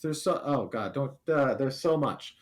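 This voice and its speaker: A middle-aged American man, a streamer guest in a casual interview, telling animated, self-deprecating anecdotes. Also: medium pitch, a little slow. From United States.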